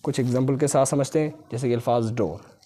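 Patient male shorthand teacher, mellow voice. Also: medium pitch, fairly quick. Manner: patient, repeats key points and asks rhetorical questions. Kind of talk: recorded lecture.

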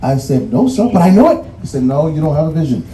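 A man's voice: on the high side, very animated, fast talker, mellow, a little hiss or hum. Emphatic Bahamian man preaching at graduation. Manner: emphatic, repeats key phrases, numbered points. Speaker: commencement speaker. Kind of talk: commencement address with preaching cadence. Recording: roomy echo, distant mic, faint music.

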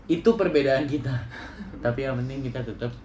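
A man's voice: mid-range voice, brisk, roomy sound, dull audio, slight background noise. A man hosting a casual, joking chat with his wife about drumming challenges. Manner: joking, relaxed, teasing. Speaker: channel host, drummer.

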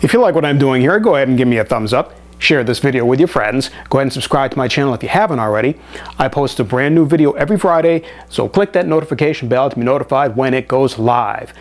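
Male gaming host, thirties to forties, medium pitch, casual commentary to viewers. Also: animated, fast talker.

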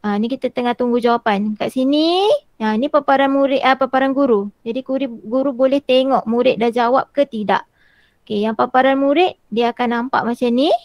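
A woman's voice: a little high, fairly quick, a little mellow, no room sound. Chatty woman teacher on a video call. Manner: chatty, frequent "ah" fillers while walking through screens. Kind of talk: online workshop demonstration.

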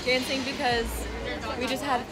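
A woman's voice: high voice, level tone, normal speed, loud music behind the voice, a loud crowd. A young woman vlogging casually with friends, giggly and tired, talking into a handheld phone out in the city. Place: out in a city at night, by a bus stop.

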